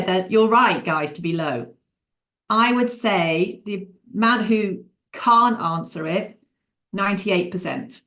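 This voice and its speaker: A woman's voice: medium pitch, a bit bright. A woman mentoring leaders in an interactive webinar, speaking over a video call, laughing often and calling on participants by name.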